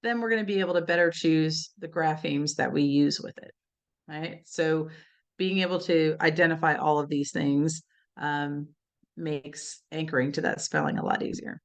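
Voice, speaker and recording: A woman presenting an educational webinar, talking conversationally with many "right?" and "you know" asides. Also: sits low. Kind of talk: informal teaching talk.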